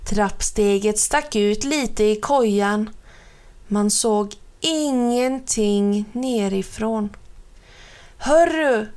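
A woman reading a children's storybook aloud in a gentle, clear storytelling manner. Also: mid-range voice. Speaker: narrator.

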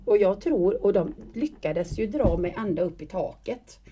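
A woman's voice: mid-range voice, animated, warm tone, breathy edge. A middle-aged woman telling a personal story in casual conversation, often stopping and restarting as she searches for words. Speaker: guest.

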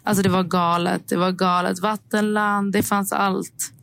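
A woman co-hosting a podcast, telling stories in a casual, chatty way with quick asides. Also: mid-range voice, level tone, vocal fry, fairly bright tone. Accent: Swedish. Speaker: podcast co-host. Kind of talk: casual chat. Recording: faint background noise.

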